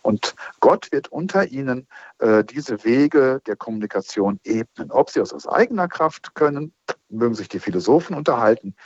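A man's voice: medium pitch, lively intonation, normal speed, dry recording, muffled recording. A man, a priest, patiently answering listeners' questions on a radio call-in show, thinking aloud with many fillers. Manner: thoughtful, explaining with many fillers.

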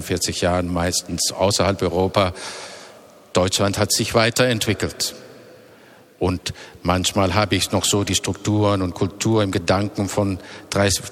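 Speaking German with a Dutch accent, a man in his fifties from the Netherlands responds to interview questions at a slow, considered pace. His voice is very low, he often gropes for words and restarts sentences, and long reverb trails each phrase.

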